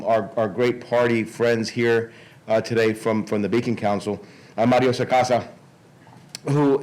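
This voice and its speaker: A man in his sixties from Miami, United States, gives an informal talk at a conference. His voice sits a little low with a darkish tone, and he moves haltingly, doubling back on words and restarting phrases.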